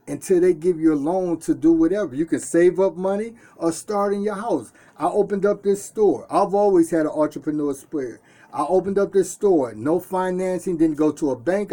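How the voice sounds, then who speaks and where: A Detroit store owner films himself inside his shop, talking casually but earnestly to the camera in a fairly high, mellow voice. He often repeats himself and restarts phrases.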